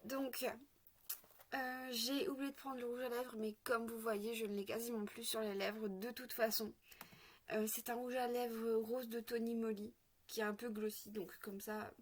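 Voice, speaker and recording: A woman's voice: a little high, flat delivery, normal speed. A woman chatting through a casual makeup tutorial, hesitant with lots of fillers, a bit sick. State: sick, occasional coughing. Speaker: makeup vlogger.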